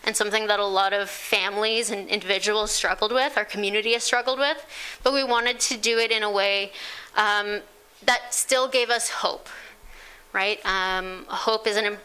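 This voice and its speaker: A woman's voice: medium pitch, fairly even intonation, normal speed, sharp tone, clear, resonant tone. A woman giving a casual community presentation, with frequent ums and self-deprecating asides. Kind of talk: public talk to a small audience.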